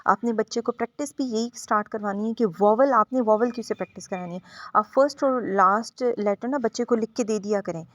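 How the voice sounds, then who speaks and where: A woman's voice: fairly high pitch, a little fast, no room sound. A woman teaching a home-schooling phonics lesson, explaining patiently and drawing out each letter sound.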